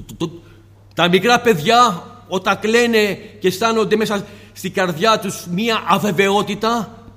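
A male preacher giving an impassioned sermon, firing off rhetorical questions and dropping suddenly to a soft tone. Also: high-pitched, in a large hall.

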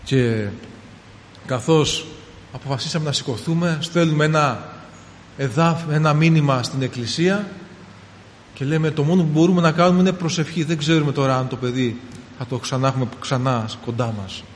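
A man in his thirties preaching a personal testimony, calling his listeners brothers and rising into fervent, shouted prayer. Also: on the high side, slight background noise. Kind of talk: sermon testimony. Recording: long hall reverb, faint ambience.

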